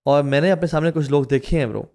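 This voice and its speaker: A man hosting a casual religious discussion, telling stories animatedly and mixing English phrases into his talk. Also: a little high. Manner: animated storyteller, mixes English into Urdu. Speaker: host.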